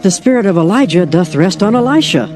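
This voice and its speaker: A man's voice: sits high, expressive, brisk, music in the background, pitched above the performer's own voice. A man voicing a band of awed young disciples of the prophets, speaking eagerly.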